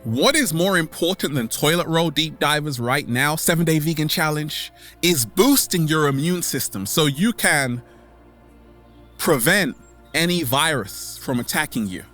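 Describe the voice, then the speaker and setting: His voice runs on the high side, with lively intonation and a bright, forceful tone, backed by soft music. In a playful, theatrical monologue, this vlog host motivates his online followers, returning to catchphrases and drawing out words to emphasize them.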